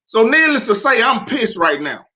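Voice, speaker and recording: A man hosting a podcast, telling a profane, animated story in a casual, laughing way. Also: extremely high pitch, normal speed, poor audio. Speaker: podcast host.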